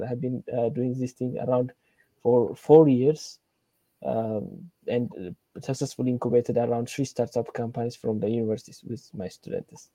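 A young man from Ethiopia, a guest in an interview, telling his story hesitantly with many pauses. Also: medium pitch, dark tone, dry recording. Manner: hesitant, many fillers and restarts. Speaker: fellowship guest, computer engineering lecturer. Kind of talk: casual interview talk.

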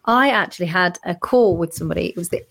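A British woman with a croaky, froggy voice, chatting casually as a podcast co-host. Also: lowish voice, fast, fairly bright tone.

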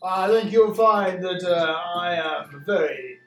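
A woman's voice: on the low side, slow, distant mic. A woman playing a tabletop role-playing game, chatting casually with hesitant fillers. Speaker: player. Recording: echoey room, off-mic, faint music.

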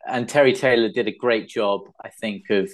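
Brief: male podcast guest, low voice, eager, halting, lots of ums and likes. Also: fairly even intonation. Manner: enthusiastic, hesitant, many fillers. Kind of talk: casual chat.

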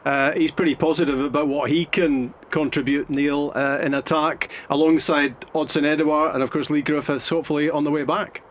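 A radio host puts questions to a caller, stumbling over repeated words as he gets them out. His voice sits a touch high for a man, with a faint hiss behind him. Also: steady tone, a little fast, hardly any pauses. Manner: hesitant, repeats words when starting a question. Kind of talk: casual phone-in chat.

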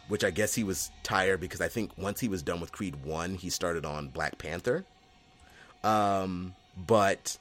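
A man hosting a casual podcast chat, excitable and quick to laugh, with lots of ums. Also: sits low. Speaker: podcast host.

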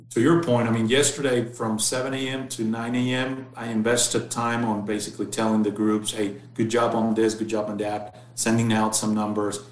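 A Mexican man who manages a factory site speaks earnestly in a casual interview, often repeating words as he restarts his sentences. His voice is fairly low in pitch and sounds reverberant.

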